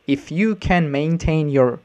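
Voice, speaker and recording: A man's voice: fairly high pitch, slow pace, a little mellow, muffled recording. Rambling man giving reaction commentary. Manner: rambling, with many restarts and fillers. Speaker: English teacher.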